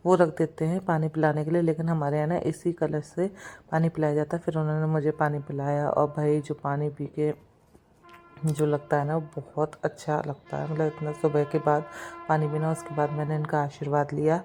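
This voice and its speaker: A woman narrating her own video in a relaxed, chatty way. Her voice sits low and even, with a warm, mellow tone. She tells the story step by step. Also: moderate pace, soft background music. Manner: chatty, retells events and acts out quotes. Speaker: vlogger. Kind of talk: casual voice-over narration.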